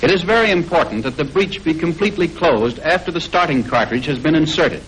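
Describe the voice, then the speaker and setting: With formal, measured delivery resembling a scripted lesson, an American man with a fairly high pitch narrates a 1940s military training film. He sounds expressive, with a fairly bright tone, and the aged soundtrack is somewhat noisy.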